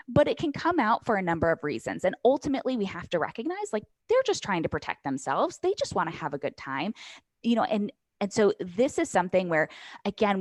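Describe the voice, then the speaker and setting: A woman's voice: mid-range voice, a little mellow, no echo, rough recording. A woman fitness coach, a podcast guest, explaining habits in an earnest coaching manner. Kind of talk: podcast interview.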